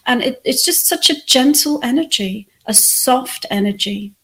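A woman from England, reflecting on her life as an interview guest in a soft, thoughtful way. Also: high-pitched, lively intonation, unhurried. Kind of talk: conversational interview.

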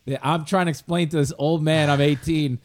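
A man's voice: fairly high pitch, steady tone, a little fast. A man telling personal anecdotes in casual chat, sounding exasperated as he replays old conversations.

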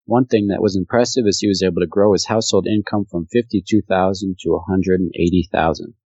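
A man hosting a podcast, reading an upbeat, even intro and asking interview questions. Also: on the low side, dry recording. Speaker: podcast host. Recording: dry, muffled audio.

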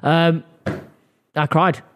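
A man's voice: on the high side, little pitch movement, drawn-out words, fairly bright tone, slight background noise. A man hosting a casual podcast chat. He swears freely, laughs often and keeps up a teasing banter with his guest. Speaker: podcast host and studio boss.

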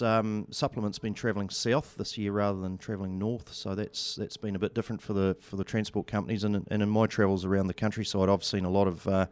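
Low, clear New Zealand man, understated. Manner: halting, understated colloquial delivery. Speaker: studio guest, agricultural seed company representative. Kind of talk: casual radio interview. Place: radio studio.

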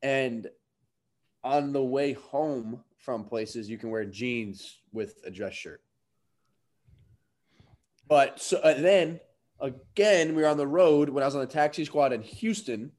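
Guy swapping baseball stories, slangy and casual, mid-pitched voice. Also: slow pace, long pauses, a little mellow. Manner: slangy, acts out quoted dialogue. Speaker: professional baseball player. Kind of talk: casual anecdote, chatting.

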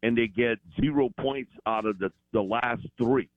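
A man calling in as a football analyst, talking in an animated, rambling way with fillers over a phone line. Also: mid-range voice, a little slow, no room sound.

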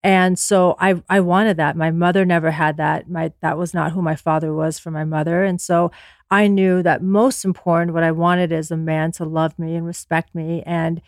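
A woman's voice: on the low side, little pitch movement, normal speed, no echo, clean studio sound. A woman interview guest, born in Afghanistan and raised in the US, speaking earnestly and with self-assurance about her life. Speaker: podcast guest, entrepreneur. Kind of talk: candid interview conversation.

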